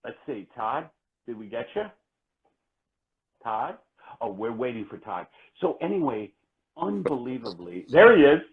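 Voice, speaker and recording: A middle-aged man hosting a casual live-stream, talking in a dry, deadpan, mock-gloomy, rambling way. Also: medium pitch, measured pace, pauses often, phone-quality sound.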